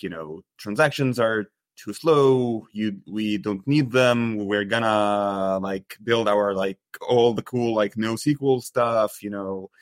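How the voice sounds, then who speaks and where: Hesitant low-voiced man, full of fillers. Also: dry recording, studio quality. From Egypt. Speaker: guest researcher. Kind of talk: casual podcast interview.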